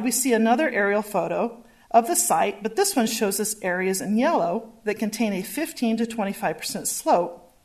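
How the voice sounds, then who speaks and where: A woman staff planner presenting a zoning variance report at a public hearing, measured and reading from slides. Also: medium pitch.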